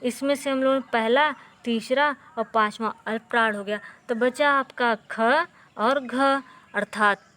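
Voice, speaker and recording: Slow, patient woman teaching grammar. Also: fairly high pitch, fairly even intonation, fairly bright tone. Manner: slow and patient, repeating key terms and drilling letters aloud. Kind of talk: Hindi grammar lesson for exam students.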